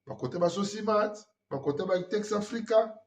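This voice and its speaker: Earnest high-voiced man. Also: normal speed. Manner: earnest, emphatic, mixing Lingala and French. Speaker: host. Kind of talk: spiritual warning talk. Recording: dull lo-fi sound.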